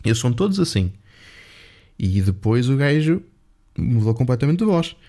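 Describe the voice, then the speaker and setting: A man with a European Portuguese accent tells a story in a casual, chatty way as a vlogger, swearing freely. His voice sits at an ordinary middle pitch for a man. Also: sing-song, normal speed, dark tone.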